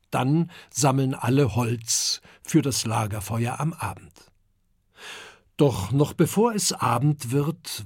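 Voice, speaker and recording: A middle-aged man narrating a children's audiobook in a calm, expressive storytelling manner. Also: medium pitch, slightly rough, no echo, clean studio sound.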